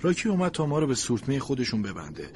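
A male storyteller narrates with a lively, rising and falling voice. Steady background noise runs under his storybook reading. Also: medium pitch. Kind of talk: storybook narration from a sled dog's view.

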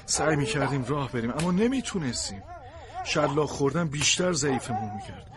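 A man narrates a storybook from a sled dog's point of view, in an expressive, plaintive way. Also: mid-range voice.

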